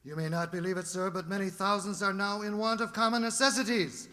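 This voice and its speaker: A man acting in a radio play as a polite, earnest gentleman collecting for charity, speaking formally and courteously. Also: high voice, fairly even intonation, a little fast. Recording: echoey hall with long reverb.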